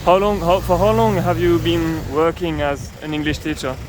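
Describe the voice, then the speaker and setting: On a city street with traffic and loud noise, a man with a slightly high voice and moderate pace interviews a passerby. He asks curious questions full of fillers.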